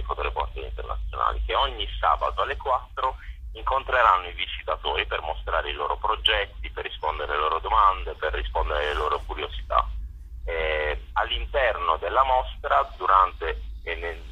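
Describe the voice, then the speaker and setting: A man organizing a photo exhibition gives a radio interview over the phone, hesitating with many fillers and restarts. His deep, husky voice is bright and forceful. The phone line sounds dull.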